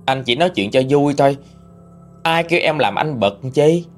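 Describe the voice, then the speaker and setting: A man's voice: on the high side, lively intonation, moderate pace, soft background music, close to an everyday voice. A man voicing a domineering, callous young boyfriend who bullies and threatens. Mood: dismissive. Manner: bullying, threatening.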